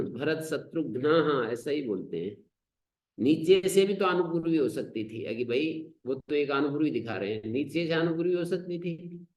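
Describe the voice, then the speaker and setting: An older man with an Indian Hindi accent teaching a scripture lesson, chanting Sanskrit verses, explaining them slowly and asking rhetorical questions. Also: fairly high pitch, a little mellow. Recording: echoey room.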